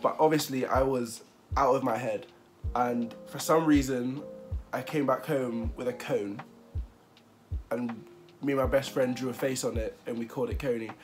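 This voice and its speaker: A man's voice: medium pitch, steady tone, moderate pace, faint music behind. A man of twenty-one chatting casually in a vlog interview, rambling with fillers and frequent laughs. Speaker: vlogger.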